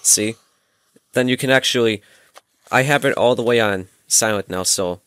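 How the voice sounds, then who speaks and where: This young adult man's voice is mid-range, smooth and a bit bright, moving at a moderate pace in a dry recording. Presenting a gadget tutorial from a small room at home, he demonstrates hands-on and explains casually, step by step, through a headset microphone.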